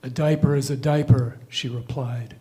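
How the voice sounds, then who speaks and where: A middle-aged man with a mid-range voice delivers a scripted comic monologue full of ornate wording. His delivery is deliberate and deadpan.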